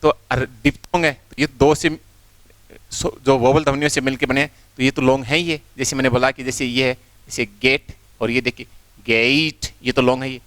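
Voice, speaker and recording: A man's voice: mid-range voice, level tone, fairly quick, fairly bright tone, no room sound. A man teaching an exam-prep lesson, explaining step by step and asking the class rhetorical questions as he goes.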